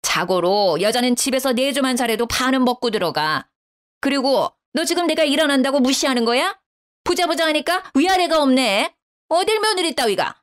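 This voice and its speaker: A woman's voice: sits high, expressive, normal speed, voice pushed up. A woman voicing a domineering middle-aged mother-in-law who scolds in a raised, condescending tone. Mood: scolding.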